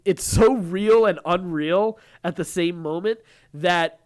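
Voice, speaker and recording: Speaking slowly in a high-pitched voice with a darkish tone, a man co-hosts a podcast. His casual pop-culture chat is earnest, effusive and rambling.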